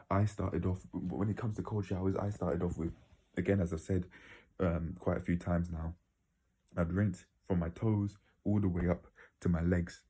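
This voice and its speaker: Male vlogger, very low and mellow, casual opinionated rambler who speaks bluntly. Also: husky. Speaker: video creator. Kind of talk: casual opinionated monologue to viewers.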